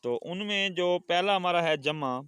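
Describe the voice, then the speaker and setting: A male Urdu teacher with a Pakistani accent leads a children's lesson at an unhurried pace. He repeats each word and sentence patiently so his pupils can echo it back. The sound is dry and close to the mic. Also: sits high, a bit bright, clear, resonant tone. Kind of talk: classroom lesson with call-and-response drills.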